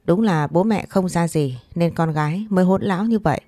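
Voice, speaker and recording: A woman's voice: on the low side, a little fast, warm tone, dry recording, clean studio sound, lightly acted. A woman voicing a weary, regretful older mother-in-law who sighs and complains. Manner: sighing, complaining.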